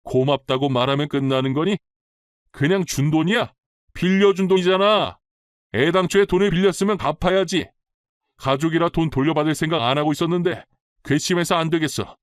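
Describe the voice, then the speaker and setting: A man's voice: on the high side, fairly even intonation, fast, clean tone, no room sound, natural voice. Stern older mother-in-law, a man reading her, firm and scolding, dry close sound. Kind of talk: storytelling drama reading.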